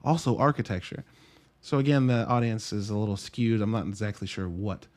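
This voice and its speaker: A podcast host reviews a movie on his own, speaking casually and wryly and interrupting his own thoughts with dry asides. His voice is fairly low, and he talks fairly quickly.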